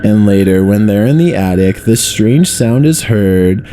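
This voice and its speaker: Male narrator, deep mellow tone, measured scripted storytelling with spooky questions. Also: lively intonation, a little hiss or hum. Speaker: narrator of a paranormal countdown video.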